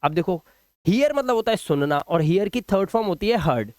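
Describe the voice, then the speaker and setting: High-voiced man teaching English. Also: expressive, darkish tone, dry recording, clean studio sound. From India. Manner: explains slowly, repeats each word and asks "ठीक है?". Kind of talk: spoken English lesson in Hindi.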